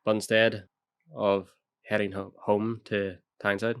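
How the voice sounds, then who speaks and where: A man's voice: lowish voice, level tone, measured pace, clean tone. A man co-hosting a casual news chat, reading a story aloud with dry remarks. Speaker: podcast co-host.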